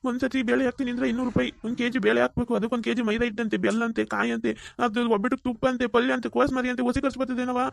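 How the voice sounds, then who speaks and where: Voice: medium pitch, little pitch movement, racing, gravelly, few pauses, no room sound. A performer voicing a greedy, lazy village man, wheedling in a cartoon. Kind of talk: cartoon voice acting.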